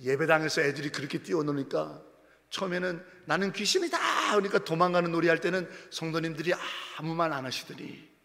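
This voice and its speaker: Middle-aged male pastor with a bright, high voice. Fervent sermon delivery in a reverberant church hall. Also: fairly even intonation, quick pace, gravelly. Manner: fervent, emphatic preaching with repeated exclamations. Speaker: senior pastor. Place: church sanctuary.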